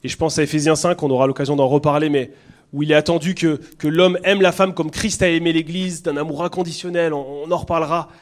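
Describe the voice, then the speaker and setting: A man's voice: a little high, fairly even intonation, quick pace. Earnest man with a southern French accent. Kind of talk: conversational teaching talk.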